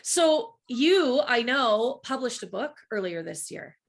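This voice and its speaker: A woman's voice: on the high side, very animated, slow. A woman hosting a podcast over a video call, affirming her guest and rephrasing her thoughts as she speaks. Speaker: podcast host. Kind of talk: interview conversation.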